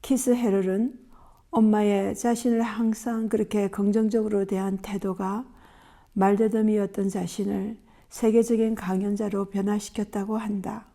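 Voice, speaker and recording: A woman reads aloud from a faith-based self-help book in calm, measured, scripted narration. Her voice is warm and mellow at a middle pitch, and her delivery stays gentle throughout.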